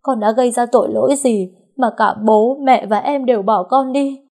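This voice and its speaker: A woman voicing a grief-stricken teenage girl, crying out in high, loud, sobbing pleas. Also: normal speed. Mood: wailing.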